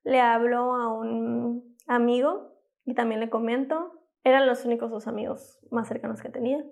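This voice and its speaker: High-voiced young woman telling her story. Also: steady tone, creaky, a little mellow. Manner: fast storytelling, acting out quoted exchanges. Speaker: interview guest. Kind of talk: personal testimony.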